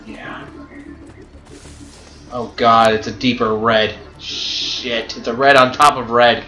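A man giving casual let's-play commentary, excitable, swearing and laughing often. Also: mid-range voice, takes it slowly, reverberant, soft background music. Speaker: gameplay commentator.

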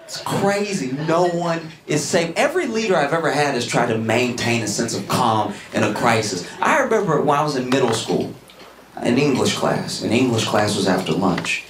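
Animated stand-up comedian from Louisiana. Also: male voice, moderate pace. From Louisiana, USA. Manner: animated storytelling, swings into high shouted punchlines. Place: comedy stage before a live audience. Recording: roomy venue with loud background noise.

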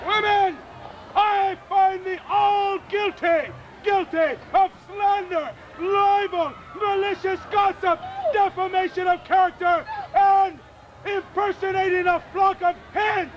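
A man playing a pompous, exasperated village judge in mock archaic English on an outdoor ren faire stage, loud and declamatory. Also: very high voice, level tone, takes it slowly. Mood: stern, declaiming. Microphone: far camera. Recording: dull outdoor camcorder audio, crowd behind.

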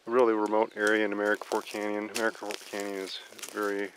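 A man hiking in the woods, musing aloud in casual halting commentary for his video. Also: lowish voice, monotone. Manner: musing, halting, soft-spoken. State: out of breath. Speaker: vlogger exploring for Bigfoot signs. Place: outdoors in a mountain forest. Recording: noisy outdoor camera audio.

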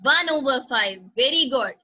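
Over a video call, a teacher from Pakistan speaks at a normal speed through her computer mic, her high, bright voice expressive. She patiently repeats every instruction and names students as she praises them.

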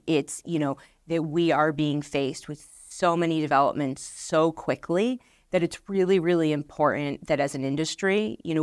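A middle-aged woman with a low, dry voice answers interview questions on a podcast set. She speaks earnestly, circling back with fillers and restarts as she explains. The lapel mic keeps the sound close and dead. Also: no echo. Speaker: marketing director guest.

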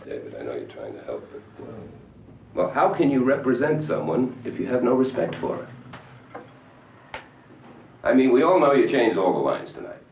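An actor playing a blunt, needling theater director who turns from sarcasm to pressing questions. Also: male voice, mid-range voice, very animated, normal speed, creaky, pauses often. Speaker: stage director. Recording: roomy, distant, muffled film audio with faint hiss.

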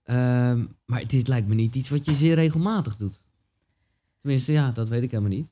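Man, podcast host, casual interview, warm mellow tone, supportive interjections. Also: medium pitch, normal speed. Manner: supportive, frequent short affirmations.

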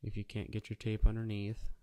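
This auto painter talks briskly through a casual tutorial, step by step, staying plain and matter-of-fact. His voice is lowish, dark-toned, smooth and monotone.

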